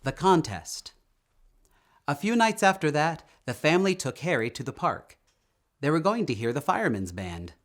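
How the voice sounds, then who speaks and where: A man of medium pitch narrates a children's tale expressively and deliberately, as a storybook reader would.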